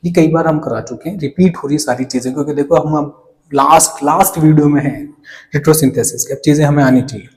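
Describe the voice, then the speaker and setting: A man's voice: on the high side, brisk, darkish tone, rough recording. A young man explains chemistry in a lecture, often asking questions and answering them himself, with playful asides. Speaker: chemistry teacher. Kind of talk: whiteboard lecture.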